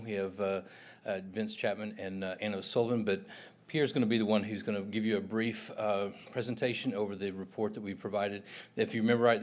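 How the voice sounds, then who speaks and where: A district staff member introducing a presenter at a board meeting in a friendly, lightly joking way. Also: male voice, fairly low pitch.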